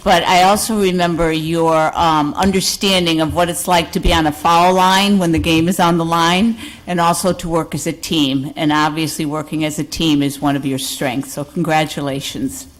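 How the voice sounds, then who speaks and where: A woman board member offering warm congratulations during a town board meeting. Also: deep voice, steady tone, normal speed, few pauses, poor audio. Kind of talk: meeting remarks.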